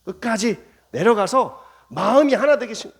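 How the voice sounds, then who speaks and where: Male pastor preaching in church, pitch swings all over, fairly high voice, acts out the lines. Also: moderate pace, husky. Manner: animated preaching, acts out dialogue in shifting voices. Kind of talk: revival sermon. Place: church sanctuary.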